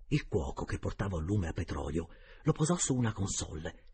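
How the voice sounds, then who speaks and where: A man narrating a story aloud with dramatic, animated delivery that slips into whispers. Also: low voice, brisk, a little hiss or hum. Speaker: audiobook narrator. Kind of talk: storybook reading with voices.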